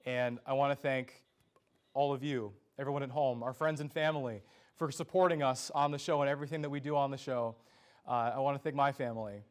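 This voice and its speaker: A young man anchors a student sports news program, his delivery earnest and scripted. His voice sits right at a middle pitch. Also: fairly even intonation, a little fast. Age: young adult. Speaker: student sports show host.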